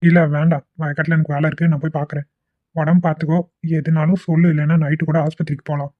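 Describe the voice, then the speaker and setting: Cartoon: flat-voiced, quick young husband, a man voicing him, caring, tinny dry recording. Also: a little high, dry recording, close to an everyday voice. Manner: concerned, coaxing. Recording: tinny, dry phone-like audio.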